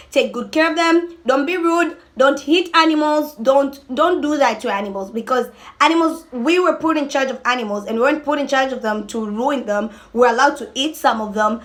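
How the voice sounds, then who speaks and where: A young adult woman chatting casually to camera as a mukbang vlogger, emphatic and animated, often breaking off mid-thought. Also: high-pitched.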